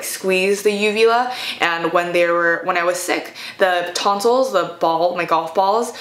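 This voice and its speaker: A young adult American woman telling a personal story in a casual, candid, conversational way. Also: fairly low pitch. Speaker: vlogger. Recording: echoey room.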